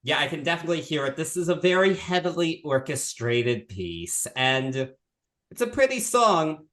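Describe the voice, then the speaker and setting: A man's voice: on the high side, very animated, normal speed, a bit bright. Chatty, opinionated man co-hosting a podcast. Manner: chatty, self-deprecating, opinionated. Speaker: podcast co-host. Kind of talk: casual music discussion.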